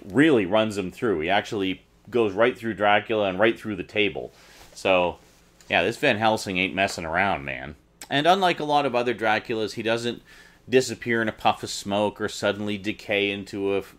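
A man's voice: lowish voice, a bit bright. A man reviewing an old horror film in a casual, enthusiastic, chatty way, using many filler words.

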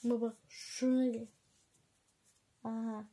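A woman vlogging casually to her viewers, chatty and excitable, giggling often. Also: fairly high pitch, takes it slowly. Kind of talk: casual vlog chat to viewers.

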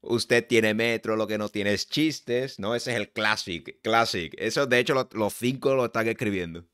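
A man's voice: lowish voice, moderate pace, a bit bright, smooth, dry recording, studio quality, a faint crowd. A man with an accent from Spain chatting casually and making wry asides while he reacts to a comedy show as a streamer. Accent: Spain Spanish.

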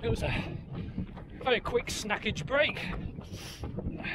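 High-voiced man vlogging while jogging, windy. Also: slow pace. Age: middle-aged. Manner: talking while jogging over rough mountain paths. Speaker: running vlogger. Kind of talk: casual running commentary to camera. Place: outdoors on a windy open mountainside. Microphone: handheld camera at arm's length. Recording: loud wind and outdoor noise.

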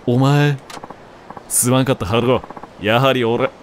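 A man's voice: mid-range voice, steady tone, a little slow, a little hiss or hum, natural voice. A man voicing a hot-blooded young male comedian, raising his voice and imitating Kansai dialect. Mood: pleading.

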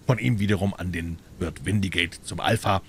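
A shrewd detective speaks calmly and kindly in a low, hushed voice, as a male audiobook reader plays him. He sounds measured and sure of himself throughout. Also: slight background noise. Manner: calm, friendly, measured.

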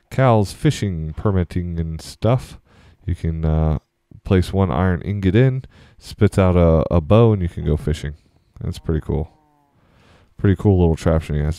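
Let's Play host, young man, deep and dry, meandering easygoing chatter. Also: mellow, dry recording. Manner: chatty, meandering, easily distracted. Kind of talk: casual gameplay commentary.

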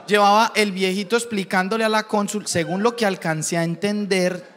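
A young Colombian man telling a comic story, animated, acting out voices and laughing a lot. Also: sits high, fairly quick, in a large hall, a faint crowd. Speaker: comedian host.

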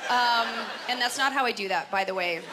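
A woman's voice: a little high, fairly quick, very noisy. A young woman doing a stand-up comedy set, chatty and self-mocking, acting out bits in put-on voices. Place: comedy club stage. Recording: live club with loud crowd laughter. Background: audience laughing.

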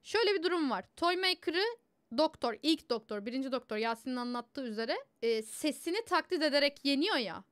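A young woman hosting a casual group chat, animated and laughing often. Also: high voice, fairly quick. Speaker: host.

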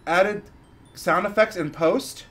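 A man playing a game on stream, cracking crude jokes in casual commentary and sometimes bursting into shouts. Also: high voice, slow pace. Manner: crude joking, sudden shouted outbursts. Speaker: let's play streamer.

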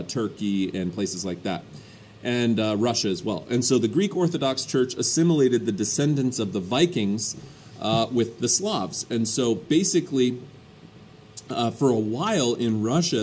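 A male history teacher giving a recorded lecture in a conversational way, often pausing with ums and uhs. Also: on the low side, darkish tone, slight background noise.

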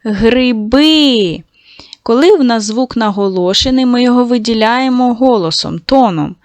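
A woman's voice: a little high, brisk, darkish tone, dry recording. Patient woman teaching young kids. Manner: patient, stretches out sounds to model pronunciation; praising, addresses children directly. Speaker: primary school teacher. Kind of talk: recorded video lesson for young pupils.

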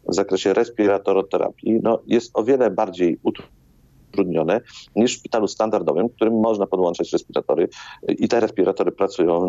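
A man with a low voice and dark tone, a doctor and hospital chief appearing as a guest, answers questions in a live radio interview over a video call. He sounds hesitant, repeating words as he explains, and the audio is dull and roomy.

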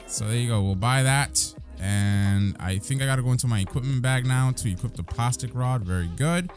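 A man's voice: medium pitch, fairly quick, soft background music. A young adult man giving casual gameplay commentary, chatty and laughing often. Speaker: gaming creator.

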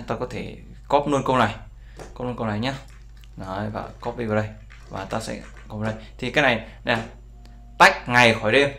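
A man's voice: mid-range voice, gravelly, bright, forceful tone. Chatty man teaching from his screen. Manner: explains with many fillers and repeated checks with viewers. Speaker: English teacher. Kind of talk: screen-share language lesson.

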